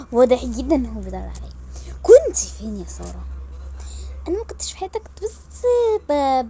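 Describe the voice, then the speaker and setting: An Egyptian woman telling a role-play family story, switching quickly between the voices of a mother and her children. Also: a little high, darkish tone, a little hiss or hum. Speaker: storyteller voicing all characters.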